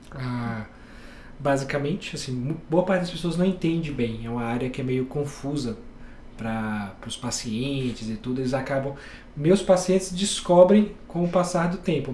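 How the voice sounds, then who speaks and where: A man from Bahia, a head and neck surgeon, calmly explaining his specialty step by step on a podcast. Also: medium pitch, echoey room, slight background noise. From Bahia, Brazil. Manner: calm, explains step by step with plain examples.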